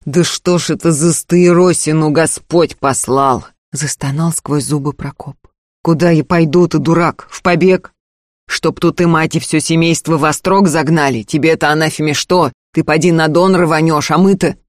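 A man reading an audiobook, voicing a stern, hot-tempered older peasant father who scolds in loud bursts. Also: a little high, normal speed, no echo, studio quality, lightly acted. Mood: fierce.

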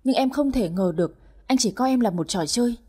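Brief: woman doing a pushy young mistress, higher and sharp-tongued, husky tone. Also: lively intonation, a little fast. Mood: tearful pleading. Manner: shrill, rude, tearful pleading. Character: young scheming female mistress, shrill and tearful.

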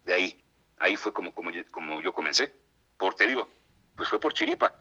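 A middle-aged man with a Mexican accent, a voice actor telling lively stories as a radio interview guest and acting out what others said. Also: sits low, fairly quick, breathy edge, muffled recording. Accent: Mexican Spanish. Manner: animated, acts out quoted voices.

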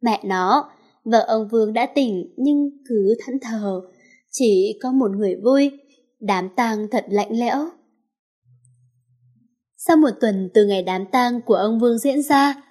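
Woman reading a novel aloud, fairly high. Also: mellow. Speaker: storyteller.

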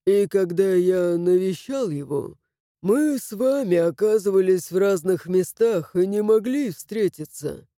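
A man performs an ancient dragon who speaks with patient, lecturing calm in a storybook reading. His voice sits high for a man yet sounds mellow. The pace is slow and deliberate, and the recording is close and dry. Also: dry recording. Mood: explaining. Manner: measured, lecturing. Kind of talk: audiobook character voice.

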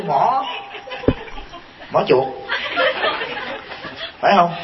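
A man, a Buddhist monk giving a folksy, joking dharma talk full of rhetorical questions. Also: high-pitched. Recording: dull lo-fi recording.

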